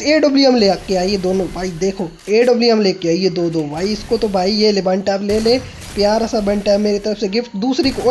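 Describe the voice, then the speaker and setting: Excitable young man shouting over gameplay. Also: very high-pitched, a little hiss or hum. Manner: excitable, teasing, shouts at sudden kills. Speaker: gaming YouTuber. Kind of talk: live gameplay commentary.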